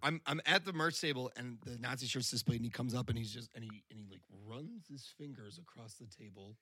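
A man in a band telling a story in casual chat, animated and swearing, acting out the people in it. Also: medium pitch, brisk. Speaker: band member.

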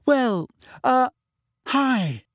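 A man's voice: high-pitched, big pitch swings, measured pace, husky, dry recording, studio quality, pitched above the performer's own voice, full character voice. A man voicing a nervous, earnest teenage girl who fumbles with fillers and then speaks firmly.

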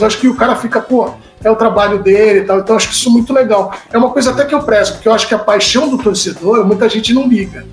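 A man's voice: high voice, roomy sound. A man, a sports reporter, casually telling an anecdote and acting out the dialogue in it. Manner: animated anecdote-telling, acts out quoted dialogue. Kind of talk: casual storytelling chat.

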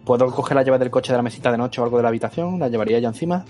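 A man playing a tabletop role-playing game, eager and quick, swearing often, over background music. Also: mid-range voice, dark tone. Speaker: player.

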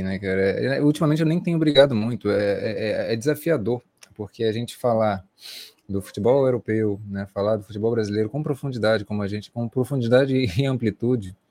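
With a dark, fairly low voice at a normal speed and no room sound, a man with a Brazilian Portuguese accent wraps up a sports talk show he co-hosts. He rambles casually in reflection, leaning on fillers.

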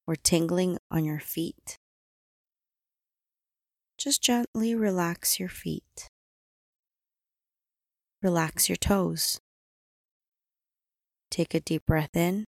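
A woman guiding a relaxing body-scan meditation in calm, soothing instructions with long pauses. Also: lowish voice, dry recording, studio quality. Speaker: meditation guide.

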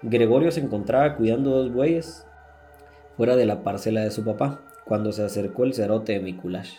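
A man's voice: on the low side, normal speed, dark tone, soft background music. Guatemalan man telling crime stories casually. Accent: Guatemalan Spanish. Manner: crude slangy retelling with swearing and laughs. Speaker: podcast host. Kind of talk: casual true-crime storytelling.

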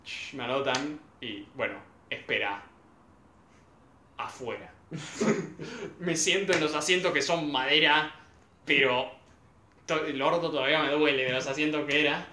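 Bright-voiced Argentine man telling a story. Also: on the high side, a little slow, long pauses. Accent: Argentine Spanish. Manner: animated, laughs through his own story. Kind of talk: casual storytelling among friends. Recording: echoey room, faint background hum.

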